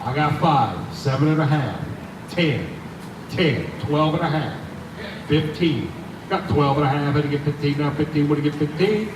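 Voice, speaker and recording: Calling out bids over and over in a sing-song chant, this auctioneer speaks at a moderate pace in a slightly high voice. It's captured live at an auction, sounding roomy, far off and noisy.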